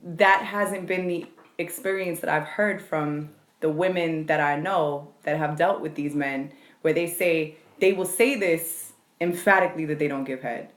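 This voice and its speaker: A woman's voice: deep voice, a little slow, reverberant. A woman hosting a casual podcast chat, asking probing, frank questions. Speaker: podcast host.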